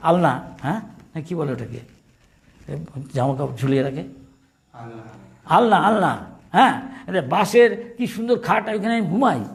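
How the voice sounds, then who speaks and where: High-voiced man giving a chatty sermon. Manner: chatty and teasing, calls on listeners by name; searches aloud for words. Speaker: monk giving a devotional class. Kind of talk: informal sermon with folksy stories.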